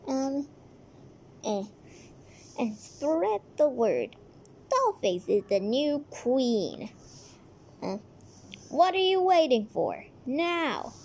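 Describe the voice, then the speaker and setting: A woman's voice: sits high, very animated, darkish tone, husky, full character voice. Woman playing a bossy scheming royal advisor. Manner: bossy, commanding, drawn-out declarations. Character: scheming power-hungry female royal advisor. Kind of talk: toy doll play.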